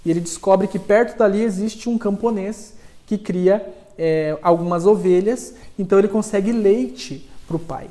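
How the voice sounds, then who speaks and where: A man, a psychologist, retelling a story in a live class, speaking the characters' lines in a livelier, higher voice. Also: moderate pace, warm tone. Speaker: psychologist and lecturer. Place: cold room in a lecture setting.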